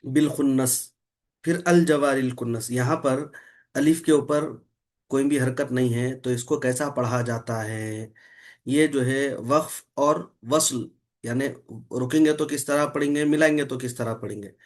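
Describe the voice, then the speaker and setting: Male Quran teacher, online class, patient and methodical, asks and repeats questions. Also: medium pitch. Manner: patient, explains rules step by step and quizzes the student. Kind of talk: online Quran recitation lesson.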